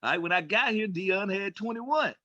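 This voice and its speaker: On a laid-back sports talk show, this male co-host and ex-player speaks in a high voice at a moderate pace, telling animated, emphatic stories and performing the dialogue himself. There's no echo, but the highs are cut off.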